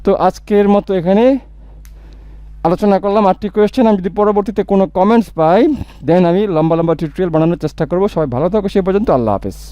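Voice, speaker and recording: High-voiced man teaching English slowly. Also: warm tone, clear, resonant tone, no echo, dull audio. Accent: Bangladeshi Bengali. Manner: slow, deliberate reading of example sentences, then explaining. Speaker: English tutor. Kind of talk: recorded tutorial lesson.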